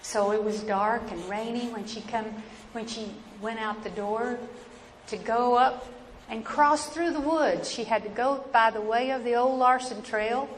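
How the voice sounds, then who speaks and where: A woman with an Appalachian accent telling a family story aloud in a folksy, dramatic, deliberate way. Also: on the high side. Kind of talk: oral family storytelling, live performance. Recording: echoey hall with noticeable background noise.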